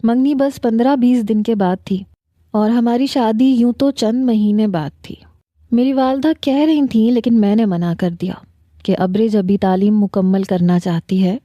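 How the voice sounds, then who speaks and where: Woman narrator for a first-person novel reading, very warm and mellow, calm, with a dry close sound. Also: medium pitch, no room sound.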